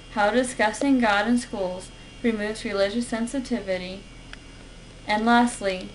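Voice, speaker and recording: Young woman, student, earnest and orderly in a persuasive class speech, mid pitch, camera across the room. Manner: earnest, structured delivery. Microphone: camera at a distance. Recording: distant camera with faint hiss.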